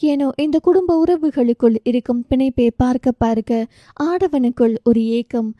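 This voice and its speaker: Dark-voiced woman narrating a romance novel. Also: high voice, normal speed, no room sound, muffled recording. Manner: emotive, voices dialogue with feeling. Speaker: audiobook narrator.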